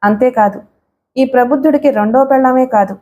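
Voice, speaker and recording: Woman narrator as a menacing bully of a brother-in-law, shouting threats, audiobook thriller. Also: sits high, brisk, slight background noise, close to an everyday voice.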